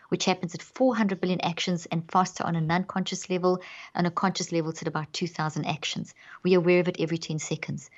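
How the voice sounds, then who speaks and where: A woman's voice: fairly low pitch, dull audio. A woman from Zimbabwe with a South African accent, a podcast guest explaining ideas with analogies and frequent restarts. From Zimbabwe, raised in South Africa.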